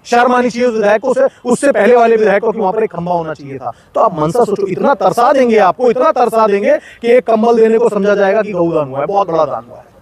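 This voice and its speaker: A man's voice: sits high, expressive, fast. A man speaking as an activist in a street interview, lecturing with passion and repeating phrases for emphasis. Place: outdoors in a crowded public place.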